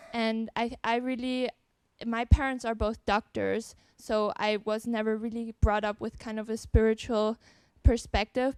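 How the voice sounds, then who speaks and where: A young woman from Switzerland, a panelist, giving an earnest, reflective personal statement with soft hesitations. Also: a little high, clean tone, dry recording. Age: young adult.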